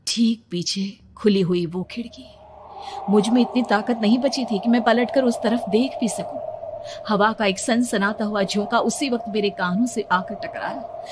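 A woman's voice: medium pitch, moderate pace, noisy background. A woman narrating a horror story in the first person, in a dramatic, suspenseful way. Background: background music.

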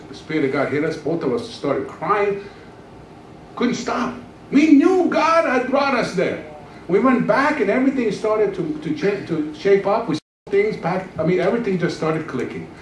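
Speaking into a handheld mic on a church stage, this middle-aged guest pastor delivers a testimony sermon, vividly performing each line of dialogue as he narrates. His pitch runs a little high, there's slight hiss or hum, and the distant recording echoes around the room.

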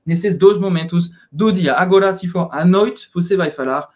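A man's voice: sits high, normal speed, a little mellow. A man co-hosting a casual video lesson, who repeats each word several times so it can be practiced. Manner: drills words by repeating them. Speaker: language teacher, co-host.

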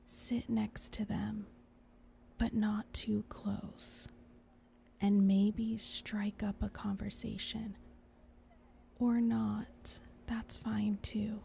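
A woman playing a gentle, principled female angel in a soft, breathy, earnest ASMR role-play. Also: mid-range voice, slight background noise. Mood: soothing. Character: gentle, principled female angel, reassuring yet exasperated conscience.

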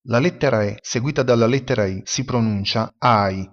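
A man teaching a language lesson, explaining pronunciation and sounding words out slowly and deliberately. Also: mid-range voice. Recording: dull lo-fi recording.

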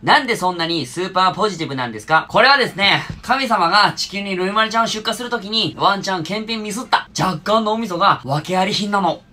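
A man's voice: high voice, quick pace, hardly any pauses. A man in his twenties chatting in flippant, upbeat Japanese gyaru slang as he answers viewer questions in an exaggerated, comic way. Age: 20s. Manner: animated, exaggerated delivery. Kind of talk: casual comic Q&A chat. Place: small room at home. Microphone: phone at about arm's length.

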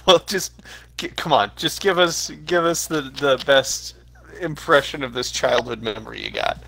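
A man's voice: medium pitch, sing-song, normal speed, creaky, pushed and bright. A man joining a game stream as a co-host, chatting casually and teasing and goading his friend. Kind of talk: casual gaming stream chat.

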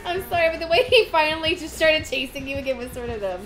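A young woman streaming a horror game with friends, swearing often, laughing a lot and shouting when excited. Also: very high-pitched. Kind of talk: casual gaming chat.

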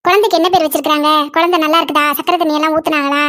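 Woman voicing a shrill fast-talking village mom, scolding, cartoon. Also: steady tone, a bit bright. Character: fierce protective village mother-in-law. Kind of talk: cartoon voice acting.

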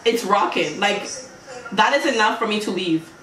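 A Canadian woman with a Canadian English accent hosts a reaction video, chatting casually with viewers, exclaiming, laughing and getting startled easily. Her mid-range voice has lively intonation and a moderate pace. Crowd noise is audible, and she sounds distant with a roomy echo.

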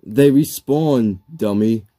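Low dark gravelly voice, slow and drawling, smug teasing fire-breathing monster, voiced by a man. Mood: mocking. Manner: dry and mocking. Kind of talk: comic gaming sketch.

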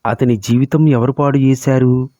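A man's voice: mid-range voice, fairly even intonation, moderate pace, warm tone, no room sound, clean studio sound, lightly acted. A man reading as a cool, sarcastic young woman. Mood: coolly defiant. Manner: cool, sarcastic, self-assured. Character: proud, scheming young woman. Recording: dull lo-fi recording.

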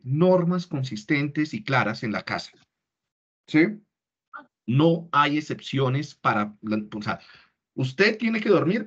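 A man's voice: on the high side, a bit bright, breathy edge. A man giving an online parenting workshop in a conversational way, often checking in with the audience. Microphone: video call. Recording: dull lo-fi call audio.

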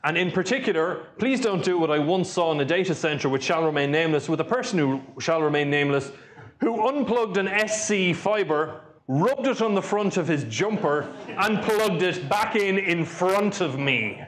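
A man's voice: sits high, expressive, normal speed, fairly bright tone. A man with an Irish accent giving a lightning talk at a tech meetup, telling stories in a dry, joking way. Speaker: conference speaker.

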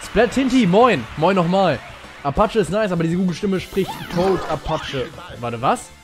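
A young man chats to his stream audience while he plays, joking and yelling out at the big moments. His voice sits high and swings widely in pitch. Upbeat game music plays clearly in the background. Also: normal speed. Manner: excitable, jokey, with sudden shouts. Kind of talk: casual let's-play commentary to chat.

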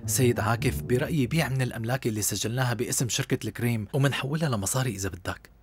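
A man's voice: medium pitch, racing, over music, natural voice. A man dubbing a polite assistant who advises his boss in a TV drama. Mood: calm. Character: calm scheming male assistant. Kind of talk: dubbed TV drama.

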